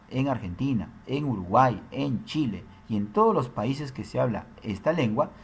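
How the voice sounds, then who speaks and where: Man explaining with lively pitch. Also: slight background noise. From Peru. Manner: explanatory, frequent tag questions. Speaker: teacher. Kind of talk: recorded language lesson.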